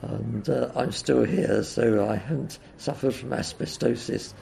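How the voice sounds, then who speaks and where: An older interviewee shares oral history memories slowly and haltingly, filling his hesitant pauses with uhs and ums. His voice is deeply gravelly and croaky, dark and mellow in tone. A faint background hiss can be heard.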